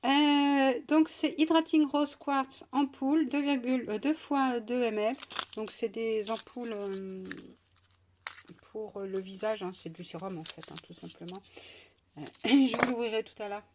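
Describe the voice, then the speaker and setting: A woman's voice: a little high, unhurried, noisy background. A woman chatting casually through an unboxing at home, with many fillers, sometimes cooing to her pet. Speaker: beauty vlogger.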